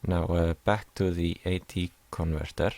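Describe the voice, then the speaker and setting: A man's voice: sits low, steady tone, a little slow, gravelly, darkish tone. A young man from Iceland, hesitantly explaining a class assignment over slides, with many fillers. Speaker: music production student.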